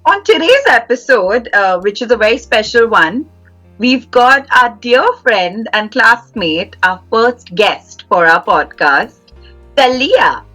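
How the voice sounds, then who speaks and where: A woman's voice: fairly high pitch, expressive, takes it slowly, sharp tone, soft background music, poor audio. A woman hosting a podcast, opening the episode and welcoming a guest. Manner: friendly, welcoming. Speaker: podcast host. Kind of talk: podcast introduction.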